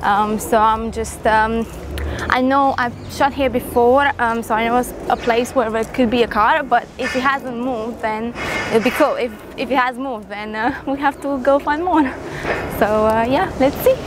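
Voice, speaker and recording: A woman's voice: on the high side, normal speed. Chatty young woman vlogging on a street. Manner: chatty, hesitant, many fillers and little laughs. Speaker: photography vlogger. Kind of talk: casual vlog walk-and-talk. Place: outdoors on a city street. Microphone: lapel mic. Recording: street noise in the background.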